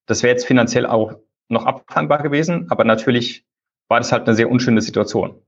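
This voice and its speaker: A man being interviewed over a low-quality phone call, explaining things at length in a loose, conversational way. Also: a little fast, husky. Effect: low-quality phone call recording. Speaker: conference lead organizer, interview guest. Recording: dull lo-fi phone call audio.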